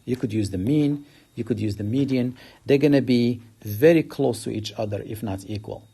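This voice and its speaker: A man teaches statistics in a recorded lecture, using a mellow, slightly rough voice at a moderate pace. As a math teacher, he lays things out methodically and pushes his pitch upward on key words for emphasis.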